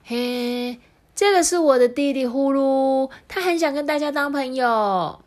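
A woman's voice: high voice, measured pace, pitched above the performer's own voice. A woman voicing a friendly little piglet girl, a big sister in a storybook, encouraging in tone.

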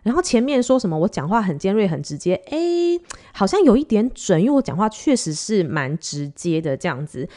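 Taiwanese woman, late 30s, podcast host, animated storyteller with a wide, lively pitch. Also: fairly quick. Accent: Taiwanese Mandarin. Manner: chatty, animated, acts out quoted dialogue. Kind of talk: casual storytelling monologue.

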